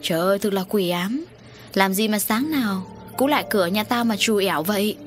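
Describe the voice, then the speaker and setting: A woman's voice: mid-range voice, brisk, faint music behind, natural voice. A woman narrator voicing a hot-tempered middle-aged farm wife who scolds and panics. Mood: furious.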